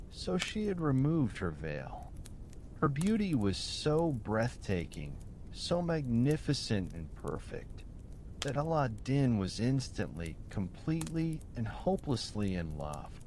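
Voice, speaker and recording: At a slow, deliberate pace, a man reads a bedtime story in a medium-pitched voice with a darkish tone. His delivery swings expressively through soothing, carefully phrased narration, while a faint low rumble sits in the background.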